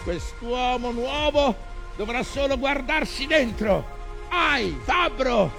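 An actor playing an obsessed, commanding old whaling captain in a grandiose, imperious stage monologue. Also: male voice, very high-pitched, animated, slow pace, creaky, heavily acted. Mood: brooding, commanding. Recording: music loud behind the voice.

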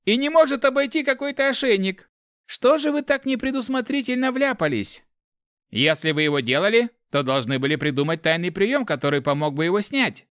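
Guy doing a cheeky young thief, high and loud, all sing-songy and mocking, dry sound. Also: lively intonation, fairly quick, hardly any pauses, no room sound. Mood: theatrical. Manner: taunting, sing-song. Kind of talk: audiobook character voice.

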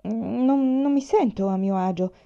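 A woman's voice: fairly high pitch, measured pace, gravelly, mellow, voice pushed up. A woman voicing a nervous young man from a rich family who talks in a hurry, stammering and defensive. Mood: uneasy. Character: nervous young rich Chinese student, male. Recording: dull lo-fi recording.

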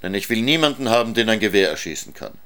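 A man's voice: on the low side, animated, fast talker, fairly bright tone, smooth. A man reading a storybook aloud, voicing a lonely, stubborn orphaned boy who talks in an insistent, defiant way.

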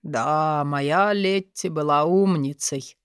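A blustering older major, his voice pushed down low and rough with wheezing, played by a woman narrator. He grumbles in a dense, close, dry reading from a storybook. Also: slow, dry recording. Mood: grumbling.

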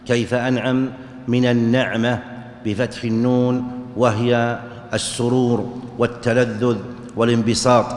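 A man's voice: mid-range voice, darkish tone. Man teaching in an echoey hall. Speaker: religious teacher. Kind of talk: explaining hadith in a lecture. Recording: echoey hall with long reverb.

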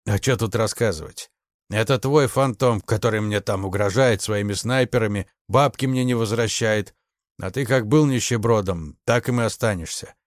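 A man's voice: fairly low pitch, no room sound, clean studio sound, lightly acted. A man voicing a scheming, persuasive man who bargains and tempts a rival. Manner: persuasive, slow, wheedling. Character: scheming, wheedling middle-aged man.

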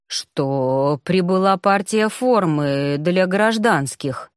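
A woman's voice: low-pitched, steady tone, measured pace, clean tone, no room sound, studio quality, pitched below the performer's own voice. A woman reading an audiobook, voicing an embarrassed male army major who stammers. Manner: stammering, hesitant.

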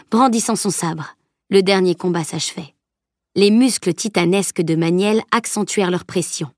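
A female audiobook narrator reads scripted text in a measured, even way. Her middle-pitched voice is recorded close and dry, with no room sound.

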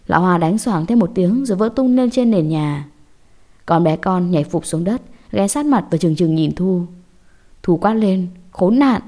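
Low-voiced woman narrating horror. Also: dark tone. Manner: measured, dramatic storytelling. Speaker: storyteller.

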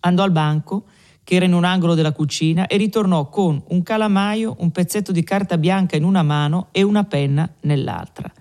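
A man narrating a classic novel as an audiobook, reading it in an expressive, theatrical way. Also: high-pitched, a little fast. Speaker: audiobook reader.

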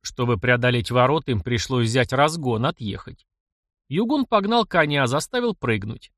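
A male audiobook narrator tells the story expressively in a mid-range voice at a normal speed. The sound is clean studio quality with no room sound.

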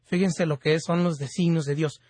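Higher-voiced man praying on the radio. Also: fairly even intonation, darkish tone, no room sound. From born in Mexico, raised in the United States. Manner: halting, often stumbles and restarts words. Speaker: religious radio host. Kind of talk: prayer and devotional radio talk. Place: radio studio.

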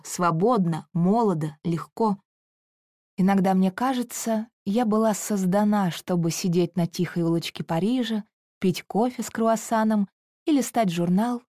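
Calm woman narrator, first-person story, dry close sound. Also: medium pitch, no echo.

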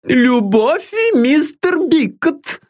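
A man doing a shrill devoted old maidservant. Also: very animated, very slow, exaggerated voice. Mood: protective. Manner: pious exclamations, chatty. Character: devoted old female servant, blunt and folksy. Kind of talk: audiobook reading.

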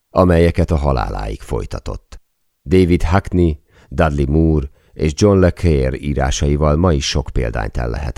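A man reading a memoir aloud as an audiobook narrator, in steady storytelling delivery. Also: very deep voice, creaky, no room sound, studio quality. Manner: steady storytelling read, lightly voicing quoted speech.

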